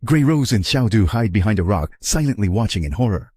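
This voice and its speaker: A man's voice: on the low side, animated, a little fast, warm tone, husky, dry recording, clean studio sound. A man narrating a story recap in a dramatic storytelling manner. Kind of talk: scripted narration.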